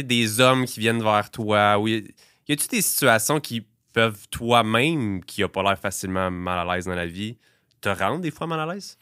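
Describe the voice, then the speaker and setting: A man's voice: on the low side, bright, forceful tone, clean tone, no room sound, studio quality. A man with a Quebec French accent, hosting a podcast and asking long, curious questions in casual chat. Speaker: podcast host. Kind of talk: casual interview.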